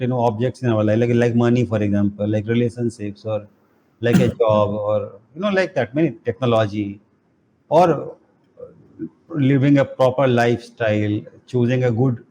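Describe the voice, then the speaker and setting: A man with a mellow, dark voice teaches a spiritual class. He rambles gently and fills his pauses with "you know". A faint hiss sits under the video call. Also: mid-range voice, rough recording. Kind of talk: casual online class talk.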